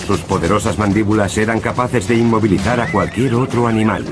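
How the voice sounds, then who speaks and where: A man's voice: fairly low pitch, brisk, noisy background. A man reading scripted nature documentary narration.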